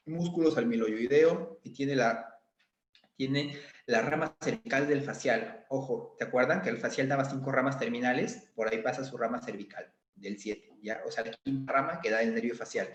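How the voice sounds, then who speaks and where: A man's voice: mid-range voice, moderate pace. A male anatomy lecturer explains slides step by step and keeps checking in with his students. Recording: echoey, dull lo-fi sound.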